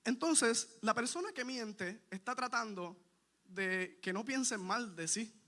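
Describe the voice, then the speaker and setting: A man preaches a sermon slowly in a high, bright, forceful voice. Earnest and emphatic, he repeats his points to drive them home and puts direct questions to his listeners.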